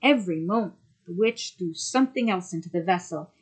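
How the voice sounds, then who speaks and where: A woman storyteller reading a fairy tale aloud in an expressive way. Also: on the low side, brisk, husky.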